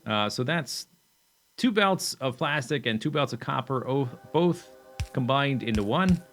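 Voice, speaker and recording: A man's voice: mid-range voice, expressive, a little slow, fairly bright tone, faint music behind. A young man casually commenting on his own gameplay as he plans a factory build, thinking aloud with fillers and self-corrections, and he has the hiccups. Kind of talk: casual let's play commentary.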